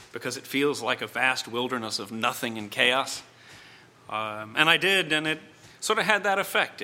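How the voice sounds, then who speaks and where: A middle-aged male preacher with a very bright, sharp-edged voice at an ordinary male pitch. He gives a reflective sermon, phrasing deliberately and leaving weighty pauses between thoughts.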